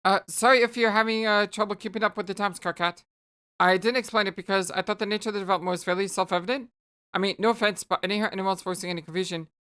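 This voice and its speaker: A woman's voice: medium pitch, steady tone, very fast, fairly bright tone, lightly acted. A woman voicing a smug, scheming young female alien troll who lectures others with condescension. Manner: condescending, self-assured.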